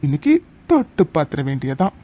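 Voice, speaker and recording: A voice actor doing a leering young office creep from a cartoon who stalks a coworker after hours. His voice swings up and down as he teases and insinuates, smug and unhurried. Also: medium pitch, big pitch swings, close to an everyday voice. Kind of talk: cartoon voice acting.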